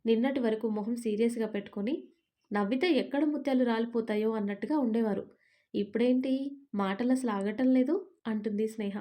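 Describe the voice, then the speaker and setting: Calm woman storyteller, mellow voice. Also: a little high, a little fast. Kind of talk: scripted story narration.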